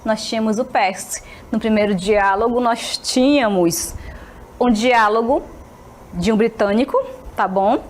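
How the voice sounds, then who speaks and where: A woman teacher with a fairly high voice gives a televised English lesson. She talks in a friendly way, keeps checking in with her students, and slows down to model each phrase carefully. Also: slight background noise. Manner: friendly, checks in constantly with short tags.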